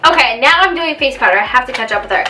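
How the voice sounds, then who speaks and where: A woman's voice: high-pitched, animated, very fast, sharp tone, faint music behind. A young woman chatting casually and playfully while doing her makeup on camera. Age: young adult. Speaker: beauty vlogger. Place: small room indoors, seated at a table. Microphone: camera a few feet away. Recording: roomy, distant mic, background noise, clinking.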